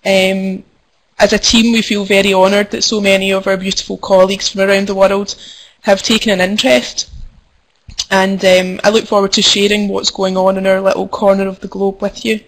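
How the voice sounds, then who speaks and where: Heard through a computer microphone on a web conference, this young Scottish woman speaks with a mid-range, flat voice at normal speed, and the recording quality is low. She's a midwife presenting at a conference, friendly and formal in manner with frequent ums.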